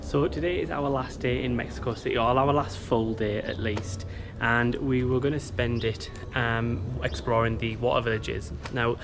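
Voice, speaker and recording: A man's voice: mid-range voice, noisy background. A man talking casually to camera as a travel vlogger.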